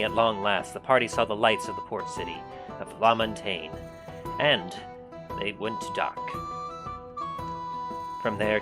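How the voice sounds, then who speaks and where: A man with a fairly low voice narrates as game master. His storytelling is halting, recapping a fantasy tabletop adventure over clearly audible guitar music. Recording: prominent guitar music behind voice.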